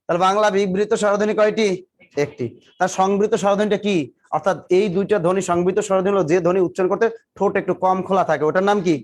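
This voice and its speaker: A man's voice: high voice, steady tone, quick pace. A man. He fires the same question again and again, then teases and scolds his students. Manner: drills students with repeated questions, teasing and scolding. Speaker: exam coaching teacher. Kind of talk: live classroom lecture.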